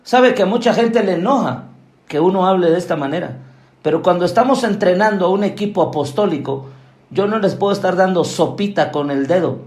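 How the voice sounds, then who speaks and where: A man preaching a sermon as an apostle, forceful and emphatic. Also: high-pitched, brisk, roomy sound.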